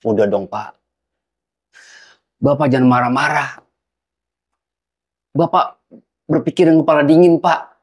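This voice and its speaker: A man's voice: on the high side, animated, unhurried, long pauses, breathy edge. A young man playing a son-in-law who apologizes and pleads with his angry father-in-law in a film. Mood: pleading. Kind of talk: low-budget film acting.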